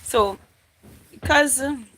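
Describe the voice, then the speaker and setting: A Trinidadian woman in her forties, from Trinidad and Tobago, hosts a livestream and chats casually with viewers, rambling and repeating phrases as she thinks aloud. Her voice sits high with a sharp tone, and she speaks slowly.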